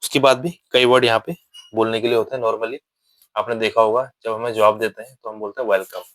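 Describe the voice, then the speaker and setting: A man with a fairly low voice gives a patient English lesson, repeating polite example phrases slowly. The sound is dry and close, with no room echo. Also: flat delivery, a bit bright. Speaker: English teacher. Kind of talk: spoken English lesson in Hindi.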